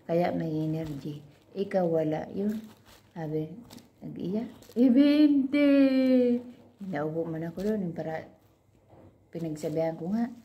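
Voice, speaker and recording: Lower-pitched woman telling a story, casual chat. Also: measured pace, long pauses, lo-fi sound. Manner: animated storytelling, quoting herself scolding a child. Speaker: vlogger.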